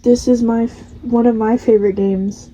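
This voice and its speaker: A woman's voice: fairly high pitch, fairly even intonation, normal speed, dark tone, slightly rough, highs cut off. A young woman hosting a gaming channel, rambling casually through a game's story and laughing at it. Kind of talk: casual story recap of a game.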